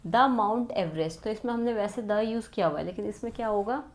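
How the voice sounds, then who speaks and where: A woman teaching an exam-prep English grammar lesson, constantly asking her students rhetorical questions and reading example sentences very slowly. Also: medium pitch, a little mellow.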